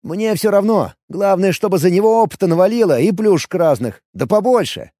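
A man's voice: high-pitched, lively intonation, a little fast, warm tone, no echo, studio quality, pitched above the performer's own voice. A man voicing a pushy, cheeky young male gamer hero in an audiobook. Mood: insistent. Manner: insistent, cheeky. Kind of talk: audiobook character voice.

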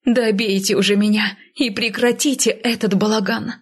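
A woman's voice: medium pitch, fairly even intonation, normal speed, darkish tone, husky. A woman voicing a humiliated young captive princess who hisses and snaps her lines through clenched teeth. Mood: bitter defiant.

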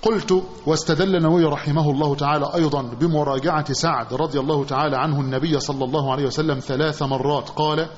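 A man with an Egyptian accent teaching a hadith commentary lesson, often quizzing his listeners with a drawn-out "what?" and repeating the answer. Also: on the high side, steady tone. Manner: asks the class questions, repeating phrases with a drawn-out "what?". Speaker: religious teacher. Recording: dull lo-fi recording with faint hiss.

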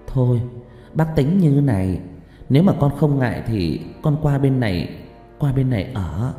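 A man's voice: mid-range voice, sing-song, moderate pace, warm tone, lightly acted. A man voicing a grieving older mother who pleads and laments, in a horror story with heavy reverb and music. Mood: consoling.

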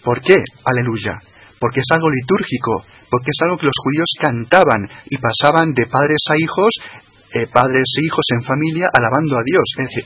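A man, a guest on a radio talk show, explaining slowly and carefully, repeating and spelling out words. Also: mid-range voice, a bit bright, slightly rough, no room sound. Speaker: guest expert on religion.

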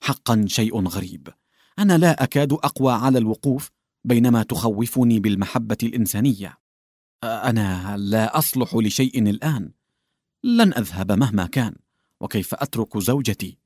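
A man's voice: lowish voice, animated, normal speed, darkish tone, no room sound. A man voicing a grieving doctor who is weary and nervous, refusing in a drained voice, recorded dry and close.

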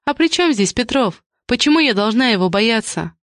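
A woman's voice: a little high, lively intonation, moderate pace, no echo, clean studio sound, pitched above the performer's own voice, close to an everyday voice. A woman reading an audiobook voices a desperate, lovesick woman who pleads in a raised voice. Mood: defiant. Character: desperate lovesick woman, Alina, later coldly scheming.

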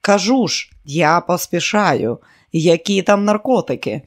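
A man's voice: sits high, expressive, a little slow. A man reading an audiobook and voicing an impatient, menacing man who snaps and growls. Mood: irritated. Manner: snapping, growling. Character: impatient, menacing male pursuer.

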